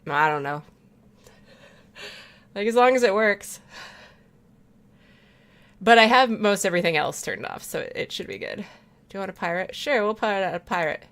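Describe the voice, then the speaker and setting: A woman's voice: mid-range voice, animated, normal speed, pauses often, a bit bright, smooth. A woman streamer chatting casually while playing a game, rambling, swearing freely and laughing often. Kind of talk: casual chat while gaming.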